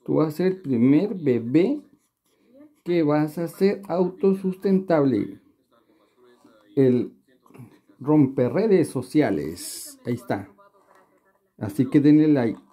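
A woman's voice: low-pitched, expressive, slow pace, pauses often, dark tone, husky. A woman with a Mexican accent in a casual family vlog, coaxing and using baby talk with her child. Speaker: vlogger parent.

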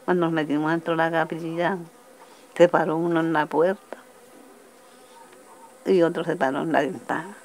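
An older woman from Colombia's Magdalena region with a Caribbean coastal accent, giving halting oral testimony and acting out quoted voices as she goes. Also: low voice, fairly even intonation, darkish tone, a little hiss or hum. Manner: halting, restarting storytelling that acts out quoted voices. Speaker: interviewee, witness.

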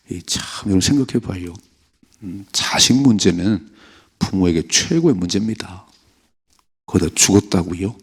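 A man's voice: low voice, vocal fry, a little mellow, slightly rough. A middle-aged pastor preaching an early-morning sermon, emphatic, acting out prayers and rebukes as he goes.

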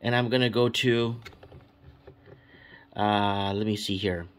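A product reviewer with a fairly low, steady voice gives a slow, unscripted demo in a small room at home, rambling casually and thinking out loud. The home video is clearly noisy and has clicks.

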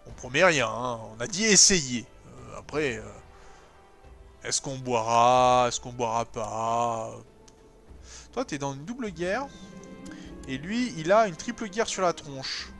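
Brief: male gamer, slightly high voice, casual let's-play chatter, hesitant, then bursts of excitement, soft music underneath. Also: normal speed, creaky. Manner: thinks aloud, hesitant fillers, sudden excited bursts. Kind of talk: casual strategy game commentary.

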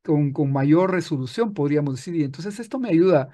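A man teaching music software in a screen-recorded tutorial, patient and explaining step by step with frequent restarts. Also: on the high side, expressive, brisk.

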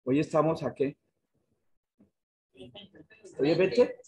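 A husky middle-aged man from Colombia speaks frankly and earnestly about his past, his voice set a little higher than most men's. He is heard over a webcam on a video call from an indoor room. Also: lively intonation, slow pace, mellow. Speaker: director of a therapeutic community.

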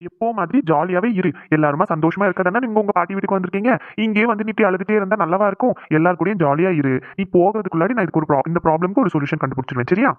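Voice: mid-range voice, rapid-fire, hardly any pauses, dry recording, lightly acted. A performer voicing a worried young man in a cartoon who soothes and coaxes his tearful sweetheart. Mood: coaxing. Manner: soothing, coaxing. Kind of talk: cartoon voice acting. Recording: dry, tinny phone-like sound.

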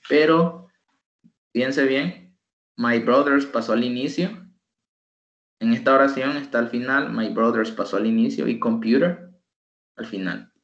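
A man tutoring an online English lesson in Spanish, who patiently repeats each example phrase slowly. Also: mid-range voice, fairly bright tone. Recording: echoey room, dull lo-fi sound.

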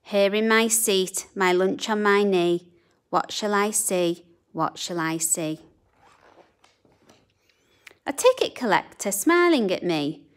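A woman reads a picture book aloud to young children, unhurried and sing-song. Her voice sits in a middle register, and she lingers over each line with gentle expression. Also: mid-range voice. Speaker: children's storybook reader. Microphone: camera above a book on a table.

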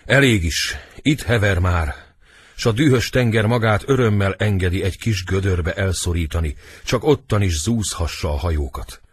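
A man's voice: sits low, breathy edge. A man voicing a grim, rebellious older nobleman in a dramatic audiobook reading.

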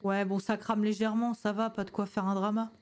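A woman's voice: medium pitch, level tone, brisk, slight background noise. A woman streamer giving jumpy, chatty commentary on a horror game, talking to herself and greeting customers politely. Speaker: gamer streamer.

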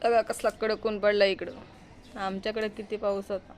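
A woman's voice: medium pitch, flat delivery, normal speed, darkish tone, a little hiss or hum. A young woman with a Marathi accent chatting casually in a family vlog, playful and talkative, cooing at cats. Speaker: vlogger. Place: house with family, indoors.

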